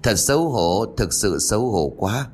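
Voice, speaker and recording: A man's voice: lowish voice, lively intonation, unhurried, faint music behind. Man doing an old village fortune-teller, muttering. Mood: self-reproaching. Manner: muttering, bewildered and self-reproaching.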